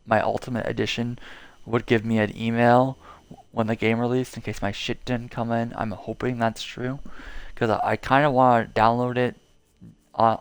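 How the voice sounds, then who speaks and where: Rambling young man with a smooth voice. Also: lowish voice, no echo. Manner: rambling, lots of fillers and swearing. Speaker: gaming video creator. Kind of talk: casual gameplay commentary.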